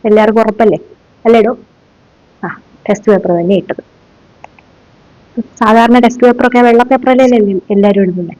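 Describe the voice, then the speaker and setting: A woman's voice: fairly high pitch, dark tone, dry recording, lightly acted. Woman acting as a sarcastic middle-aged schoolteacher, scolding rhetorical questions, comic sketch, dry lo-fi sound. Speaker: sketch comedian. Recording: dull dry lo-fi recording.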